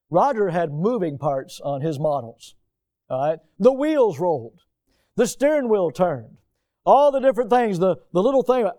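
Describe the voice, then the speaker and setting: High-voiced male preacher, smooth and mellow. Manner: folksy, storytelling asides. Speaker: pastor. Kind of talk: sermon with scripture reading.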